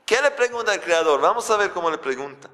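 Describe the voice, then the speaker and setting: A rabbi gives a sermon in a fairly high, bright voice. He keeps asking his listeners rhetorical questions, and his pitch swings widely as he preaches. The room carries a long reverb. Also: animated, fast.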